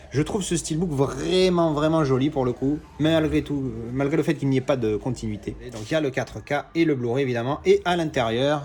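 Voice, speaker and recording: Excitable, chatty man. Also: on the high side. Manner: chatty, excitable, lots of fillers and self-corrections. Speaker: collector unboxing discs. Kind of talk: casual unboxing vlog.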